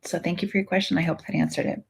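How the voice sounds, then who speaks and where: An earnest woman hypnotherapist talks casually to her live-stream viewers. She answers their comments and tells a story. Her voice sits low and has a gravelly fry. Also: steady tone, racing, slight background noise.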